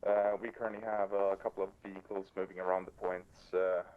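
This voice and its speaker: A man's voice: sits low, level tone, brisk. A man talking over a walkie talkie as a drone operator in a military game, using radio procedure and hesitant fillers. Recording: dull lo-fi radio sound.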